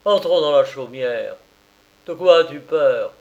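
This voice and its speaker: A man's voice: a little high, animated, moderate pace, dull audio, pitched above the performer's own voice, natural voice. Man reading as a pushy hot-tempered nobleman. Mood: insistent. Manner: forceful, pressing. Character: young nobleman, insistent, half-mocking, hot-tempered. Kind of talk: audiobook character reading.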